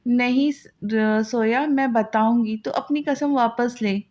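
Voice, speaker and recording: A woman's voice: a little high, steady tone, takes it slowly, darkish tone. Woman reading as a firm, protective caretaker. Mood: insistent. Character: caring older maid, firm and protective. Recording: slightly dull lo-fi audio.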